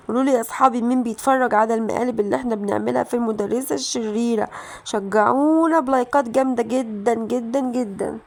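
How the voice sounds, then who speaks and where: An excitable woman with an Egyptian Arabic accent talks viewers through a prank game, chatty and direct. Her voice sits on the high side. She often breaks into loud shouted reactions. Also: gravelly. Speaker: gaming channel host. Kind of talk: mobile game playthrough commentary.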